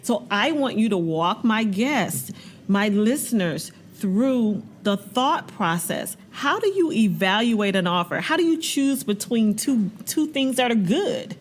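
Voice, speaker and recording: A woman hosting a podcast interview, lively and encouraging, with slangy playful asides. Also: medium pitch, unhurried, a little hiss or hum. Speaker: podcast host. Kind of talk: casual interview.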